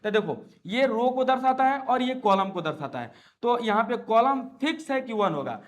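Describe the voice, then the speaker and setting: A man explaining a maths lesson in a high-pitched voice. He repeats each point several times and keeps asking his students whether they follow. He coaxes them along with affectionate pet names. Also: lively intonation, normal speed. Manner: coaxing, repetitive, keeps asking students questions. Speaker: maths teacher. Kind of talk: Hindi-medium online maths lecture.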